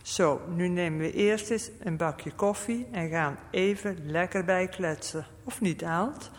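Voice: mid-range voice, unhurried, natural voice. A storyteller voicing a cheerful, hospitable old man with a cracked voice, chatty and welcoming. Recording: long reverb.

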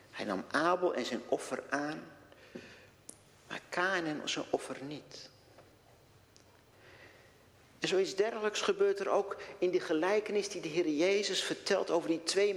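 A man preaching a sermon in a church, slow and deliberate, posing rhetorical questions to his congregation. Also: a little high. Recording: long reverb of a church hall.

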